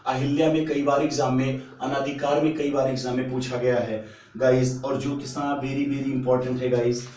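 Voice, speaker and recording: A male teacher drills exam spellings, repeating each word and asking and then answering his own questions. His voice is dark and mellow. It echoes heavily around the room from a mic set some way off. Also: mid-range voice, little pitch movement, moderate pace, recorded from a distance. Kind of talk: exam-prep spelling lesson.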